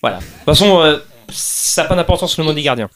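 Chatty man host, slightly high voice. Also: animated, quick pace, a bit bright. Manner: explanatory, stumbling restarts, laughs often. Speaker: podcast host presenting a game series. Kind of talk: casual chat.

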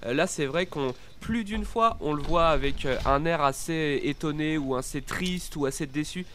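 A man's voice: a little high, normal speed, a bit bright, slight background noise. A man chatting casually about a film, with frequent fillers.

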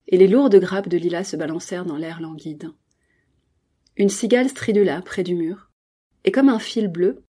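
A woman podcast host reading a classic novel aloud with calm, even narration. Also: on the low side, husky.

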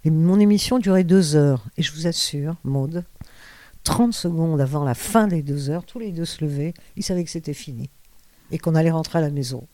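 In an interview, an older woman who used to host radio shares rambling stories at a normal speed, stumbling into many hesitations and restarts. Her low voice is mellow, and the audio carries no room sound.

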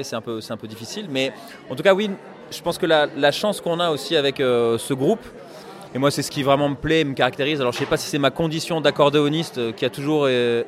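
A man who plays accordion and leads a band, answering interview questions in a relaxed, chatty way with many pauses. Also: mid-range voice. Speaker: accordionist and bandleader.

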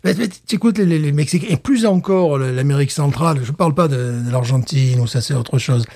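A man from France co-hosting a podcast in casual chat, animated, laughing often and stumbling over repeated words. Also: on the high side, a little fast. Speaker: podcast co-host.

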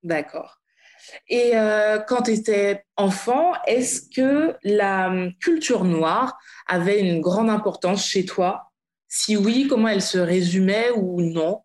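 A woman's voice: medium pitch, takes it slowly, darkish tone. A woman in her late thirties from France, hosting a casual interview podcast in a friendly, conversational way. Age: late 30s. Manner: friendly, conversational, addresses guest informally. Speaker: podcast host.

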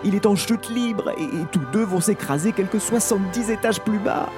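A man narrating a children's audio story in a playful, expressive way. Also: high voice, normal speed, music in the background.

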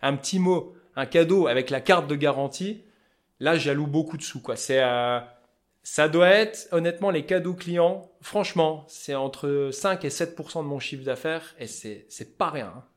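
Loud passionate man with a Vosges accent. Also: fairly high pitch, moderate pace. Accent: Vosges French. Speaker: fly-tying business owner, guest. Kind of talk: casual interview chat.

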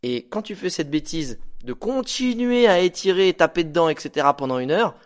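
A man hosting a podcast, giving casual motivational advice in an informal, animated way, with slang and the odd swear word. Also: on the high side, normal speed. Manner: acts out stories with sound effects. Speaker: podcast host.

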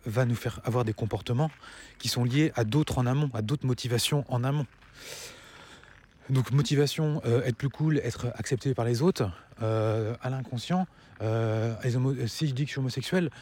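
A man's voice: mid-range voice, darkish tone, slightly rough. A man giving a casual opinion monologue to viewers as a vlogger, rambling and stammering, swallowing words as he walks outdoors. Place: outdoors, walking, nearing a road.

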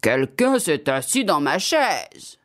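A woman voicing a big papa bear in a storybook reading, drawing the words out slowly. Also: deep voice, sing-song, exaggerated voice. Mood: grumbling. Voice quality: meant as a big voice.

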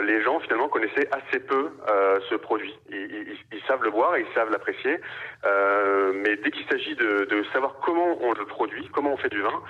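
A man from Paris, a winemaker guest answering radio interview questions, hesitant with many fillers and restarts. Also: fairly low pitch. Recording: dull radio sound.

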